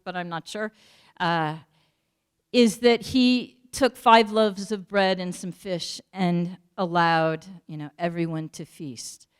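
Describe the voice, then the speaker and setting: A woman giving a community talk, earnest and searching for words with fillers and pauses. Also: medium pitch, clear, resonant tone. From United States. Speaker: panel speaker.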